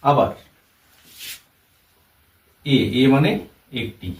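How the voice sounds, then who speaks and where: Man teaching slowly in an echoey room. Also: mid-range voice, lively intonation, darkish tone. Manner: slow, step-by-step, repeats terms and examples. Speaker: English teacher. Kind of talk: classroom-style lesson explanation. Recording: roomy echo, voice from far off the mic.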